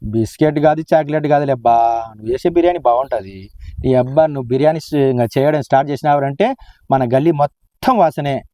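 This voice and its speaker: A man's voice: medium pitch, fairly quick, dark tone, no echo. A man bantering with his wife in a comic village skit, rambling and teasing with mock-dramatic flair, outdoors. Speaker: husband in a village comedy skit. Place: outdoors, sitting on a rock.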